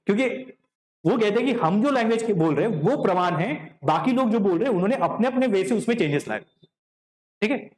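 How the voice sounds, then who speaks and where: A high-pitched man lectures a class in a chatty, explanatory way. He keeps checking in with his students, asking whether they follow. His voice rings in an echoey classroom. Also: animated, a little fast, a little mellow. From Vidarbha, Maharashtra. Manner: checks in with the class often, asking "correct?" and "clear?". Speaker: teacher. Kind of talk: classroom lecture in Hindi mixed with English.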